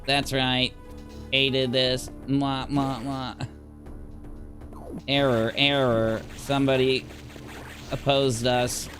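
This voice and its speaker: A man's voice: medium pitch, slow pace, pauses often, faint music behind. A man mocking as a glitching robot. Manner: flat sing-song mockery with repeated error noises. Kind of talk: mocking impression while streaming a game.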